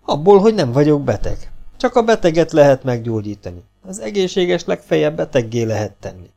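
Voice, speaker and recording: A man's voice: on the high side, big pitch swings, creaky, dark tone, soft background music, voice pushed up. A man voicing a stubborn young legionnaire who answers with wry, polite defiance.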